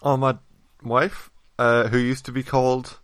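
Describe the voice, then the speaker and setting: A man's voice: mid-range voice, level tone, a little slow, a bit bright, smooth, dry recording. A man co-hosting an improv comedy podcast, speaking drily with some hesitation. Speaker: podcast co-host. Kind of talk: casual improv comedy chat.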